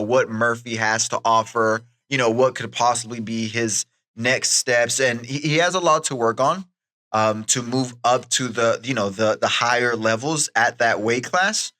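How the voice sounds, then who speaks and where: Male podcast host, bright forceful voice, medium pitch, casual sports recap, halting conversational delivery. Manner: halting, conversational, repeats words. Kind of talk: casual solo fight recap commentary.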